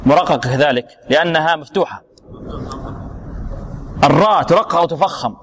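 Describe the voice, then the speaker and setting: A man teaching Quran recitation, drawing words out slowly and quizzing his students on pronunciation rules. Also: fairly high pitch, a bit bright, breathy edge. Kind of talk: tajweed lesson with students.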